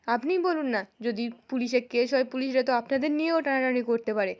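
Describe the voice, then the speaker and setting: A blunt young man lectures his brother, voiced by a woman narrator in her own high voice. It sounds retold rather than performed. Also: fairly quick, muffled recording, natural voice. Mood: scolding. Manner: scolding, blunt.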